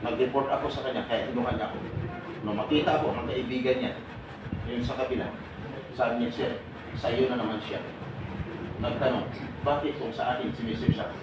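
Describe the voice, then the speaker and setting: A man addressing a group of workers with lively, animated delivery, laughing often and firing questions at his audience. His voice sits at a middle pitch and comes from some way off the mic. The room is very echoey and there is steady background noise. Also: brisk, long pauses, far from the mic. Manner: animated, laughing, asks the listeners direct questions. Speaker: OFW advocate speaking to a group of workers. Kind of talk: lively talk to a live group.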